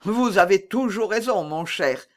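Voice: mid-range voice, big pitch swings, normal speed. A narrator voicing a hearty, trusting male musketeer who admires his friend, in an eager, exclaiming manner. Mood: admiring.

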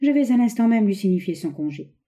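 A woman reading aloud voices a lively, teasing young woman friend in a storybook. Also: mid-range voice, voice pushed up, natural voice. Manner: teasing, brisk.

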